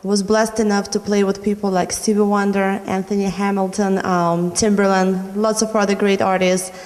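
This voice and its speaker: A woman's voice: mid-range voice, level tone, normal speed, a little mellow, big-room sound. A young woman from Norway, a recording artist, talking about her music in an interview, with many "you know" fillers. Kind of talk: interview answers.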